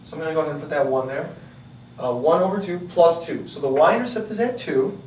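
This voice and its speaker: Casual male math teacher walking through a lesson, a bit high-voiced, recorded from across an echoey room. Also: expressive, quick pace, darkish tone. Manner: chatty, self-correcting, lots of "uh" and "you know". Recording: roomy echo, distant mic, faint hiss.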